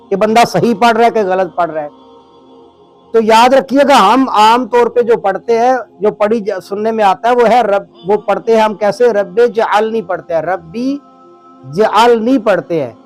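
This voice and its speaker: High-voiced man teaching careful recitation. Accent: Pakistani Urdu. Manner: slows down to spell out words syllable by syllable. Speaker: religious teacher. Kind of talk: recorded lesson on prayer recitation.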